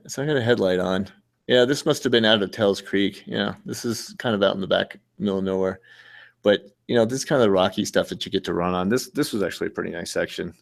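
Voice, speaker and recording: A man's voice: lowish voice, gravelly, dry recording. A man giving a casual, rambling talk with slides, easygoing and chuckling often. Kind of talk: casual storytelling presentation with slides.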